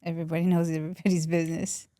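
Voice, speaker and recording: A woman from Texas, a podcast guest giving soft-spoken, short and plain answers. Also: low-pitched, level tone, very fast, no echo, studio quality. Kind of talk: interview answers.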